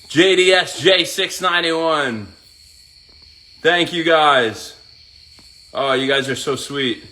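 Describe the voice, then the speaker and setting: A man's voice: fairly high pitch, extremely slow, pauses often, sharp tone. A man hosting a casual live stream, reading out viewers' names one by one and greeting each as he works out. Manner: chats while working out.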